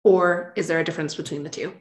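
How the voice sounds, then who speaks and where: A woman's voice: low-pitched, fairly even intonation, fast. Woman, Canadian accent, podcast host, rambling enthusiastic questions, roomy echo. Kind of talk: casual interview chat.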